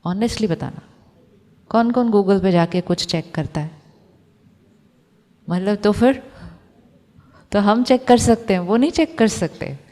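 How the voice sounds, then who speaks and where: A woman giving a calm, reflective spiritual talk to an audience of doctors, asking them questions and mixing in English phrases. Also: mid-range voice, takes it slowly, long pauses, big-room sound. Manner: mixes Hindi with English phrases. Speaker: spiritual teacher.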